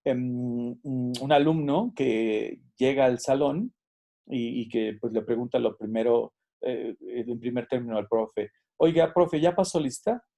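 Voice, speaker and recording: Man teaching, gravelly and mellow. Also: slow. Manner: explanatory, models English phrases with lively pitch jumps. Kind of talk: recorded video lesson.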